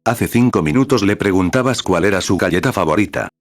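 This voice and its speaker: A man's voice: low voice, lively intonation, brisk, no echo, studio quality. A man voicing a fussy, stiff teenage boy prefect who speaks in a prim, insistent way, in a storybook reading.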